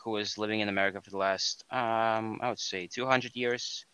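A man's voice: on the low side, steady tone, moderate pace, pushed and bright, clear, resonant tone, dry recording, highs cut off. A young man from Estonia talking casually on a podcast, rambling and often correcting himself mid-sentence. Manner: rambling, self-correcting, many fillers. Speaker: podcast co-host. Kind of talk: casual chat.

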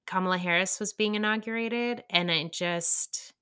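A young woman co-hosting a podcast in casual chat, earnest and halting, with many fillers and restarts. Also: mid-range voice, bright, forceful tone, clean tone. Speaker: podcast co-host.

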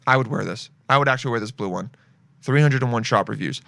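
A young man hosts a casual podcast, rambling and joking while browsing shopping sites and reading reviews aloud. His voice is medium-pitched, gravelly and a bit bright, he talks fast, and the recording is dry.

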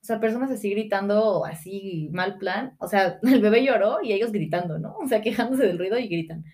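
A woman's voice: mid-range voice, brisk, darkish tone. Chatty woman podcast co-host. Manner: rambling storytelling, acts out what people said. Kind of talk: casual podcast chat.

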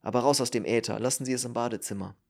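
A man's voice: mid-range voice, steady tone, very fast, creaky, a little mellow. A man voicing a curt, growling, exhausted male doctor in an audiobook. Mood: gruff. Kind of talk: audiobook character reading.

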